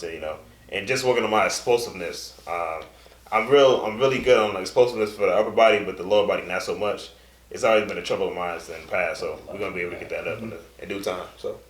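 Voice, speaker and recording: Laid-back young man, low echoey voice. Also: fast talker. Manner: laid-back, loose, trailing fillers. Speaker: co-host. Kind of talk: casual chat. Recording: echoey room.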